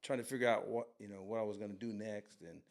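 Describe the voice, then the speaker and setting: A man's voice: on the low side, fast talker. A middle-aged man from Southern California, a guest telling stories casually in an interview and acting out quotes. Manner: relaxed storyteller, acts out quotes. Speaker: brand co-founder guest.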